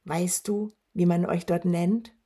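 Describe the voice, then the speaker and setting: A woman plays a huge, dying male werewolf, taunting and gloating with menace in a rattling, rasping voice and wheezing, labored breath. Her own voice is on the low side and mellow, with fairly even intonation and a slow pace.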